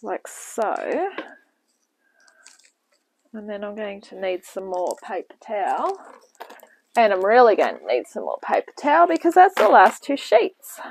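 A woman's voice: medium pitch, big pitch swings, a little slow, pauses often, slight background noise, low-quality recording. A woman hosting a home cooking demonstration, talking casually with rambling asides as she works, heard from a camera in a home kitchen. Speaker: cooking show host. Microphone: camera mic, off-screen speaker at the bench.

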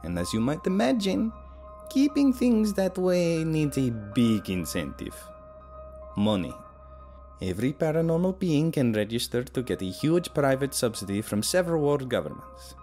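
A man voicing an anxious young woman who pleads gently and rises high in pitch. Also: very animated, moderate pace, soft background music. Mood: explaining.

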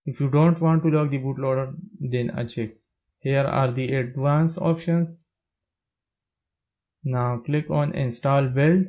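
A man narrating a step-by-step tech tutorial as a plain, steady voice-over. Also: mid-range voice, slow pace, long pauses, phone-quality sound.

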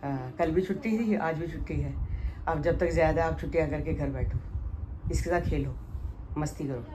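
A woman's voice: low-pitched, normal speed, dark tone, a little hiss or hum. A middle-aged woman chatting casually to camera in a family home vlog. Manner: chatty, switches to playful baby talk with the grandchild. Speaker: family vlogger.

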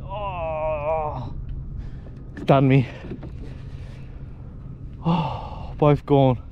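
This Australian fishing vlogger, a man in his forties, speaks in a fairly high pitch and very slowly while excitedly giving viewers casual commentary from his kayak on an open bay. The highs are cut off in the audio, which is captured by an action camera on the kayak amid outdoor wind and water noise.

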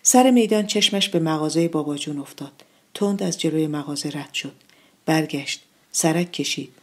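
A woman reading her own short story aloud in a calm, measured way. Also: sits low. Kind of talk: literary narration.

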